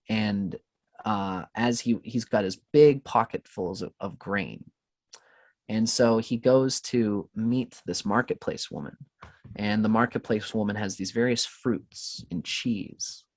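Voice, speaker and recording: A man on a podcast, calmly telling a spiritual story in an unhurried, reflective way. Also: lowish voice, no echo. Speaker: podcast guest. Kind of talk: casual storytelling in conversation.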